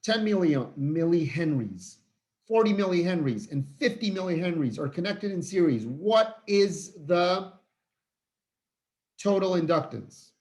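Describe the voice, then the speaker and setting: A tired man teaching a physics lesson in an informal, halting way, with many fillers and restarts. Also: on the high side, big pitch swings, a little mellow. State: tired, yawning. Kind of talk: recorded online lecture.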